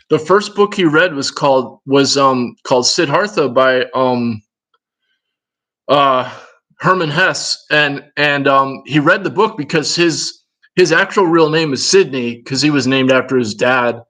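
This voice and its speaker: A man's voice: a little high, fairly bright tone, poor audio. Rambling Minnesotan man on a livestream. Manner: rambling and digressive, talking to viewers in chat. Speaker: livestream host. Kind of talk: casual livestream chat answering viewers.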